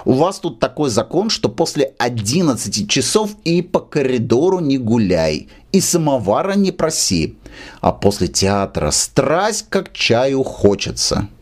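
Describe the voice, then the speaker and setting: A man voicing a tearful, rambling drunk male musician who lodges in a rented room, with slow, slurred, sentimental speech. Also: medium pitch, sing-song, voice pushed up. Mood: maudlin.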